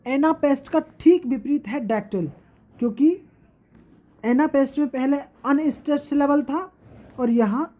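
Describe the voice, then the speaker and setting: A woman teacher with an Indian English accent, giving an exam-prep lesson and repeating each term slowly for her students. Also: high-pitched, mellow.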